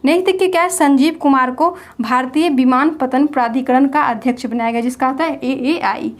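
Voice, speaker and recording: A woman's voice: high voice, a little fast. A young woman teaching a general knowledge lesson, explaining memory tricks and asking and answering her own questions. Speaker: quiz teacher.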